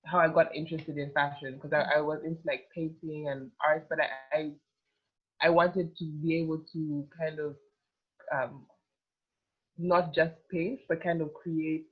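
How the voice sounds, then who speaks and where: Her voice is low, steady, and slightly rough, and she doesn't hurry. This Ugandan fashion model in her twenties rambles as a casual interview guest, filling her speech with "like," over audio that sounds tinny, like a phone.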